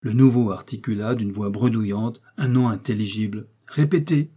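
Male audiobook narrator, mid pitch, dark and husky, measured literary reading. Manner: measured, even storytelling delivery.

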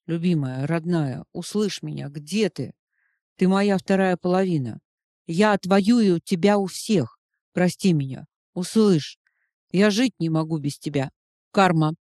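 A woman's voice: fairly low pitch, unhurried, darkish tone, no room sound, studio quality. A woman voicing a lovesick, jealous male vampire count who pleads and rages with passion. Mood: pleading. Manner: passionate, pleading then raging.

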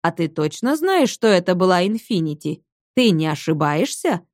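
A woman's voice: fairly low pitch, big pitch swings, moderate pace, a little mellow, dry recording, studio quality. A woman playing a patient police major. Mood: questioning. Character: patient, persistent middle-aged male police major.

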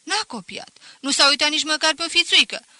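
A woman's voice: high-pitched, bright, forceful tone, no room sound, voice pushed up. A woman voicing an earnest schoolboy who insistently pleads with his teacher in an audiobook. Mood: pleading.

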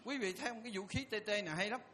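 High, bright-voiced older monk joking. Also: male voice, rapid-fire. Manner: joking storyteller, addresses audience directly. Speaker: Buddhist monk. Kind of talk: humorous dharma talk.

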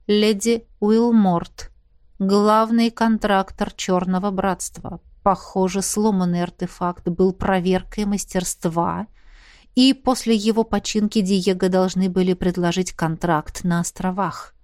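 A woman's voice: medium pitch, fairly even intonation, unhurried, a little mellow, no echo, clean studio sound, lightly acted. A woman reading the part of a teasing, commanding male dragon officer with a smug, purring manner.

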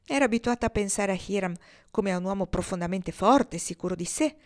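A woman reads a novel aloud in a measured, expressive voice. Her tone sits in a middle range, neither high nor low, and she paces the narration with care. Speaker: audiobook reader. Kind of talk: literary audiobook narration.

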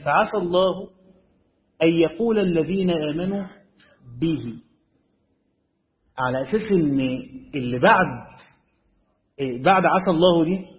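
A man with an Egyptian Arabic accent teaching as a sheikh, explaining a text step by step and often checking whether his students follow. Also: fairly high pitch. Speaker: sheikh teaching Quran commentary. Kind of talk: classroom lecture on a text. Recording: echoey room, dull lo-fi sound.

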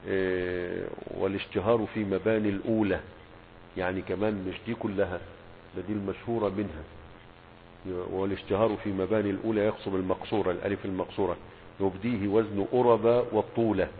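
A man with an Egyptian accent teaching a grammar lesson as a sheikh, asking rhetorical questions and stressing each word pattern slowly. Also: sits low, fairly even intonation. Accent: Egyptian Arabic. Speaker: sheikh teaching Arabic morphology. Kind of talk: classroom lecture explanation. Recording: tinny phone-like lecture recording with hum and reverb.

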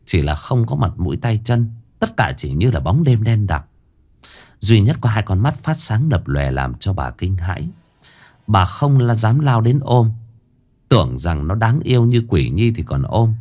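A man narrating a ghost story in an expressive storytelling manner. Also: fairly low pitch, measured pace.

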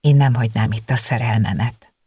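A reader voicing an earnest, shy teenage girl in an audiobook, with a husky tone. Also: medium pitch, mellow, no echo.

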